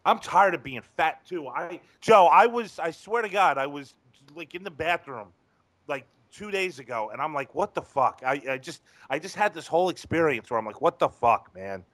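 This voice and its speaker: A man's voice: on the high side, animated, normal speed, a bit bright, dry recording. A man co-hosting a casual podcast, rambling, profane and self-mocking. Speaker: podcast co-host.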